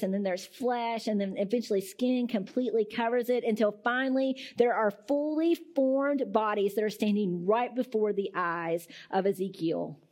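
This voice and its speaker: A woman's voice: mid-range voice, a little mellow. A woman pastor preaching a sermon in a conversational style, with tag questions and casual fillers.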